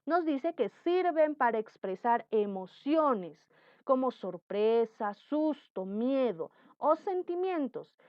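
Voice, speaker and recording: A woman's voice: a little high, no echo, dull audio. A woman teaching a grammar lesson, explaining patiently and acting out example sentences. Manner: explains slowly, acts out example sentences with lively intonation.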